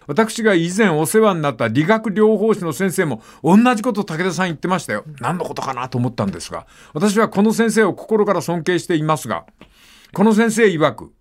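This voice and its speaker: An older man hosting a casual radio talk segment, reading listener letters and acting out dialect phrases with animated storytelling. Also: sits high, brisk.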